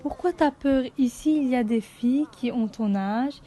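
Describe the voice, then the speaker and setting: A woman who cares for orphans, speaking gently and coaxingly to a frightened child and repeating soothing phrases. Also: high-pitched, normal speed. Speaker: orphanage caretaker. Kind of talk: comforting talk to a child. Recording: music playing underneath the voice.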